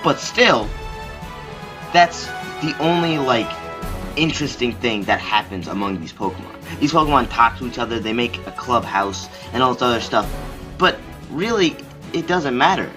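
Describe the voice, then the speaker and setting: A man rambles through a casual game review in a middle-pitched voice, dry and sarcastic, retelling a story with lots of asides. Faint music plays behind him. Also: lively intonation, normal speed.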